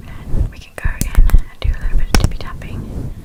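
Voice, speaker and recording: A woman whispering softly and slowly into a close microphone, gently guiding the listener through an ASMR role-play appointment. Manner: soft, slow whispering, gentle and reassuring. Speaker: ASMR creator.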